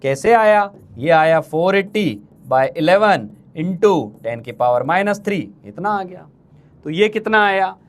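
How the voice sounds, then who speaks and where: A man with a high voice teaching chemistry to exam students. He keeps firing the same question twice and teases the class fondly. His talk is quick and chatty, the way a coaching teacher talks. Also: expressive. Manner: teasing, calls students playful names. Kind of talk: live online exam-prep lecture.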